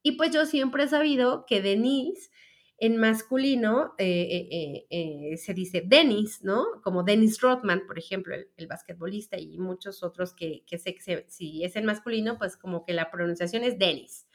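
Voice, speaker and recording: A woman's voice: mid-range voice, normal speed, few pauses. A woman in her forties with a Mexican accent, chatting through a personal story and speaking to her audience about feminine energy. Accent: Mexican Spanish. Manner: chatty, with frequent fillers and restarts. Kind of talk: casual storytelling monologue to an audience.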